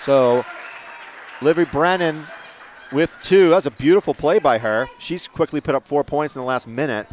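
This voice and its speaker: A man doing play-by-play for a local school basketball game from a press box, chatty and quick to correct himself. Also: fairly high pitch, some chatter behind, slight background noise. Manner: chatty, rambling asides, self-corrections. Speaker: play-by-play commentator. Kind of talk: local sports commentary.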